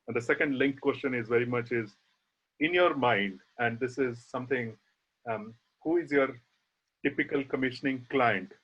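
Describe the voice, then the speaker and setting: A man moderating a webinar panel, asking questions in a halting way with many fillers. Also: medium pitch, breathy edge. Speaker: session chair. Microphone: video call. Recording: muffled video call audio.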